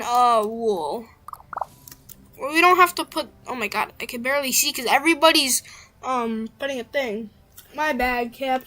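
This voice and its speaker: A woman's voice: high voice, bright, forceful tone. A woman live-streaming a game in casual, playful chatter, making silly sound noises as she plays, on a built-in device mic. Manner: playful, makes silly "bop bop" noises while playing. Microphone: built-in device mic, no headset mic.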